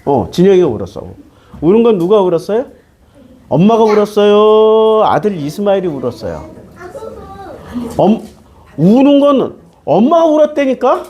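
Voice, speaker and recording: A man's voice: high-pitched, sing-song, moderate pace, long pauses, dark tone, muffled recording. A man preaching a Bible-teaching sermon as pastor, talking casually and asking his listeners question after question. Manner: conversational, switching between polite and casual speech.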